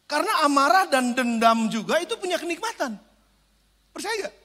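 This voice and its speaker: A man preaching as a pastor, animated and joking, swinging between loud preaching and quiet asides. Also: very high-pitched, normal speed. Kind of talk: sermon. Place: large church hall. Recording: reverberant church hall.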